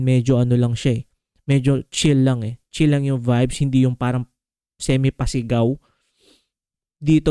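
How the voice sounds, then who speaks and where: A male reaction host talks through a track in loose, slangy chatter, tossing in "men" every few phrases. His voice comes through smooth and resonant at a middle pitch, and the sound is dry and close with no room around it. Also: warm tone, dry recording. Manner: slangy, peppers talk with "men" and fillers. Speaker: music reaction video host. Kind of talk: casual reaction commentary.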